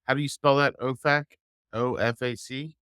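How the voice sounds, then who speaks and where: A man's voice: medium pitch, fairly even intonation, moderate pace, sharp tone, clear, resonant tone, no echo, clean studio sound. A man hosting a casual podcast, curious and asking lots of questions.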